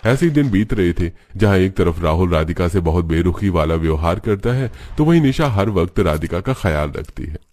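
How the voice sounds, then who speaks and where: Low-voiced man narrating a cartoon story. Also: normal speed, few pauses, no echo. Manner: steady, plain storytelling.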